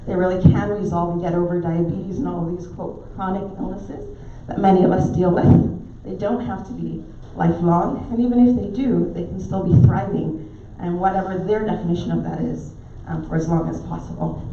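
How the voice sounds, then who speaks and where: Speaking fairly low and steady at a moderate pace with few pauses, a middle-aged Barbadian woman addresses a club meeting in a pub dining room as guest speaker. A naturopathic doctor whose accent has softened after years in the US, she tells warm stories peppered with ums. Background noise fills the echoey, dull, distant room recording.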